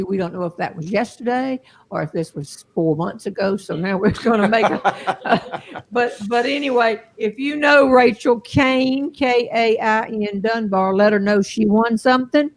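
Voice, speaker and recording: An older woman with a Southern US accent hosts a show, chatting casually and seeming amused by herself. Her voice is a little high and her pace is measured.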